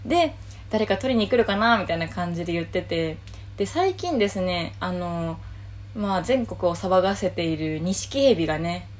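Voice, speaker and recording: A woman's voice: fairly low pitch, normal speed. A woman hosting a solo talk show, telling a family story casually and acting out the voices in it. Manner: lively, acts out quoted lines and laughs while telling a story. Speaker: solo audio talk host.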